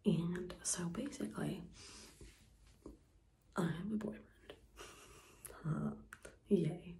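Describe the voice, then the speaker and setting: A woman's voice: on the low side, slow, slight background noise. A young woman whispering a casual vlog at home early in the morning, rambling with lots of fillers so she won't wake anyone. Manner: whispering to keep quiet, rambling with many fillers. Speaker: vlogger.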